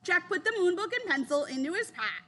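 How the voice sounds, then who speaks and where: A woman reading a children's chapter book aloud, giving the children's lines a higher voice. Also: very animated, brisk, a bit bright. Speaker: reader.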